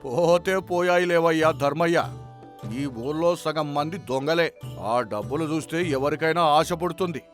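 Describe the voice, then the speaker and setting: A man's voice: on the high side, measured pace, soft background music, lightly acted. A man playing a scornful stingy village boss. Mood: dismissive. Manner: scornful, bullying. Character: harsh stingy village employer, middle-aged man.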